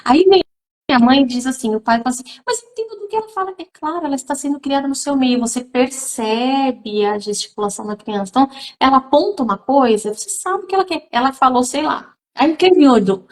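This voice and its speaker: A woman with a somewhat high voice speaks as a guest teacher in a live stream. She talks emphatically and addresses her viewers directly, with many fillers and restarts. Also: brisk, a little mellow. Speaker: mother.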